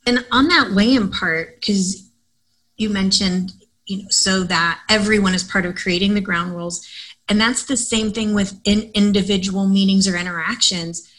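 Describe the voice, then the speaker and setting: A woman co-hosting a podcast, explaining points in a measured way in casual discussion. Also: mid-range voice, fairly even intonation, fairly bright tone, low-quality recording. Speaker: podcast co-host.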